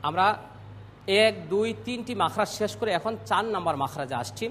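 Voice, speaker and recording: High bright-voiced male Quran teacher. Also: animated, in a large hall, a little hiss or hum. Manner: slow, clear drilling of letter sounds with call-and-response prompts. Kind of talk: classroom pronunciation lesson.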